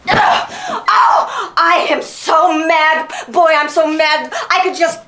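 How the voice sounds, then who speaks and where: An actress playing a bossy, theatrical woman coaching a little girl, emphatic and exaggerated, often shouting. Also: extremely high pitch, very animated, normal speed, heavily acted. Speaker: adult coaching a child. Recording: loud background noise.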